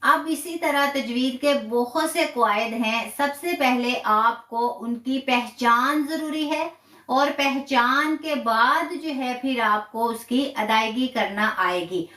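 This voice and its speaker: A woman's voice: high-pitched, takes it slowly, sharp tone, echoey room. A woman teaching Quran recitation rules, patiently repeating each term and asking herself questions. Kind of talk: slow step-by-step tajweed lesson. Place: live stream from a room.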